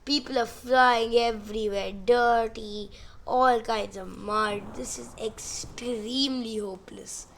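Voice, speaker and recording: Woman gameplay commentator: high voice with a gravelly edge, rambling and easily amused. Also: fairly even intonation, takes it slowly, a bit bright, a little hiss or hum. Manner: rambling, easily amused, counts units aloud. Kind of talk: excitable battle-simulation gameplay commentary.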